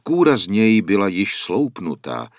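A man reads a fairy tale aloud with expressive storytelling. His low voice rises and falls over a lively range, recorded dry and close with no room sound. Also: dry recording. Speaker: narrator. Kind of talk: audiobook fairy-tale narration.

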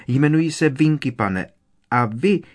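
A man voicing a tiny, servile female house-elf with a squeaky, trembling voice, reading a storybook. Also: lively intonation, close to an everyday voice. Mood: awed. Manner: fearful, deferential, keeps saying sir.

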